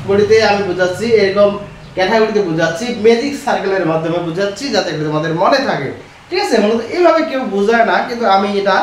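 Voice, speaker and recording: A high-pitched male teacher explains grammar to his class and keeps checking that they follow. He sounds far from the mic, in a very echoey room with faint noise behind him. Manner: repetitive, checks in with "right?" often.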